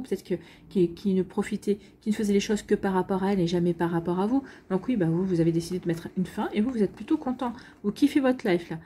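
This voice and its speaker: A woman's voice: mid-range voice, warm tone, slightly rough. A woman with a French accent giving a casual weekly tarot reading, chatty, with many fillers and slangy asides. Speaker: tarot reader.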